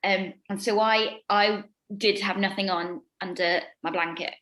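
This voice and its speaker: A young actress telling backstage stories in an interview, rambling with lots of ums and hesitations. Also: female voice, fairly even intonation, measured pace, fairly bright tone. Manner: rambling with many ums, acts out quoted lines in a high voice. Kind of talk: casual anecdote-telling.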